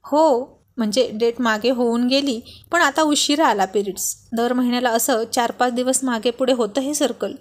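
A woman's voice: fairly high pitch, normal speed, hardly any pauses, lightly acted. Woman voicing a teasing practical young wife. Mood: explaining. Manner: light, teasing. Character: cheerful, practical young wife who laughs him off.

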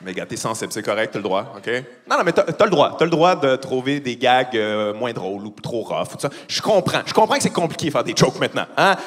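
A man's voice: mid-range voice, very animated, fast talker, hardly any pauses, a bit bright. A man with a Québécois accent doing a profane stand-up comedy routine on a theatre stage, teasing the audience. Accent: Québécois French. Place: large theatre stage before a live audience.

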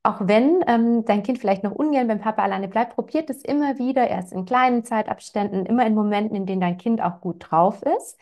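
A woman's voice: fairly high pitch, brisk, few pauses, darkish tone. A woman working as a parenting coach, answering parents' questions in a direct, reassuring way and speaking to them by name.

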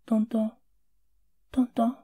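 A man voicing a rough, emotional working-class Edo man who pleads in coarse old Edo street speech. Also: very high voice, little pitch movement, measured pace, dark tone, no room sound, clean studio sound, voice pushed up, full character voice. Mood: wistful.

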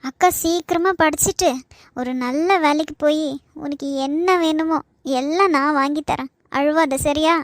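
A woman voicing a kind older sister in a cartoon, gentle and reassuring. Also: high-pitched, normal speed, no echo, clean studio sound, close to an everyday voice.

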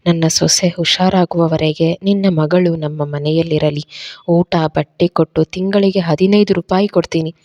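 Woman narrator voices an old, half-blind grandmother pleading for help; low and mellow. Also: dry recording, dull audio. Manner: pleading, complaining.

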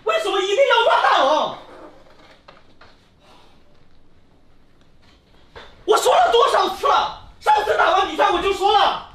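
Loud, sharp, high-pitched shouting angry man. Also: sing-song, fairly quick. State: angry, worked up. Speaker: esports team coach. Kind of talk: angry dressing-down of team. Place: team room with computers, indoors. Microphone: distant camera microphone. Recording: echoey room from camera, loud noise.

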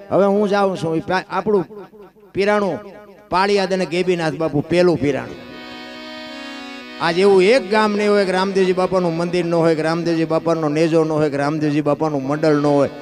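A man's voice: high-pitched, fairly even intonation, brisk, darkish tone, faint music behind. A man with a Saurashtra Gujarati accent giving a devotional folk storytelling talk at a temple event, full of rhetorical questions and folksy asides.

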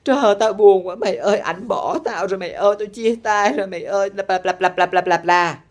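A woman voicing a heartbroken young woman friend who complains loudly and melodramatically. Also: medium pitch, fast, lightly acted. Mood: wailing. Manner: wailing, loud complaining.

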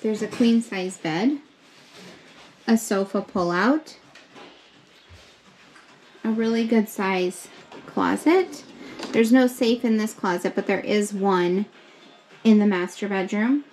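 Walking through a hotel suite indoors, a young woman vlogger narrates a casual room tour, slow and upbeat, pointing things out as she goes. Her voice is mid-range and a little mellow, picked up by a handheld camera mic in echoey rooms with faint ambient hum.

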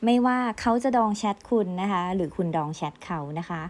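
A woman reading tarot cards in a casual, chatty monologue, softening her phrases with polite particles and slowly reading out English lines before explaining them. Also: medium pitch, expressive. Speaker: tarot card reader.

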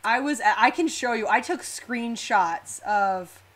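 A woman hosting a casual game playthrough with friends, chatting in quick bursts. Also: fairly high pitch, fairly bright tone. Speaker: host playing a video game with friends. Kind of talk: casual gameplay chat.

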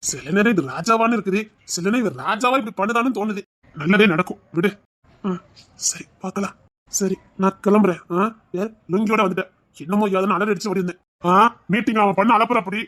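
A woman voicing several drama roles, quick to flare up, then soft and pleading. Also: medium pitch, no echo. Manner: shifts from teasing to pleading and shouting.

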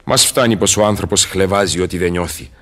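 A man's voice: sits low, fairly bright tone. A man playing Faust, a learned, solemn old scholar, declaiming and musing aloud in verse in a Greek radio drama. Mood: gently chiding.

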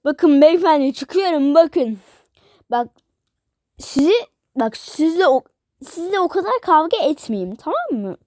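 A woman's voice: high-pitched, very animated, unhurried, a little mellow, dry recording, studio quality. A woman voicing a tired, impatient businessman hotel guest in a playful toy role-play, repeating himself insistently. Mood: exasperated.

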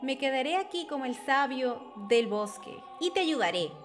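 A woman voicing a gentle young girl who is a forest sage, reading her lines softly and sincerely over game music. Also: sits high, very animated, moderate pace. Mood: tender.

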